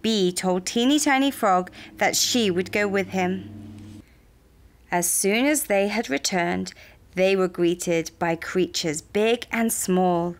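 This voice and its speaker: Slow gentle woman storyteller. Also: medium pitch. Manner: soft, gentle, deliberate. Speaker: storyteller and puppeteer. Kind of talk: slow children's story narration.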